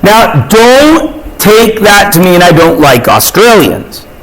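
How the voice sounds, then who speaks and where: A man's voice: high-pitched, very animated, takes it slowly, a bit bright, rough recording. A Canadian man teaching math in a classroom, joking and teasing his students on a chatty tangent.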